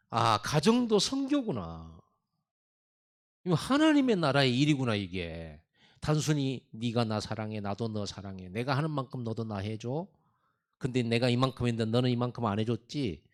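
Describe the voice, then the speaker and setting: A middle-aged man preaching a sermon, animated and chatty, with laughing asides. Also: medium pitch. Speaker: pastor.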